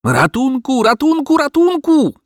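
A man voicing a frightened male farm dog who yelps frantic cries for help in a much higher voice. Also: wildly swooping pitch, moderate pace, a bit bright, no echo, studio quality, exaggerated voice. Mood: panicked.

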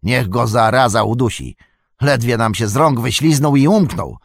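A man voicing a gravelly snarling orc warrior. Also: mid-range voice, moderate pace, no echo, studio quality. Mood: grumbling. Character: snarling male orc soldier, brutal and threatening. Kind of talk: audiobook reading.

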